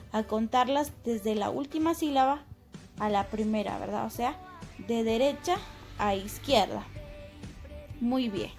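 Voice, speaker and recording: A woman, teaching a primary school class and patiently explaining step by step, repeating words slowly. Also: high-pitched, darkish tone. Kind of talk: recorded class lesson.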